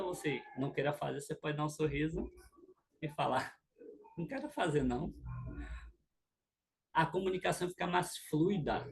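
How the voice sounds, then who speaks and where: Gravelly Brazilian man giving a talk. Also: fairly high pitch. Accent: Brazilian Portuguese. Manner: lively, informal, acts out little scenes. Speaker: speaker at a relationship talk. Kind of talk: conversational lecture to an audience.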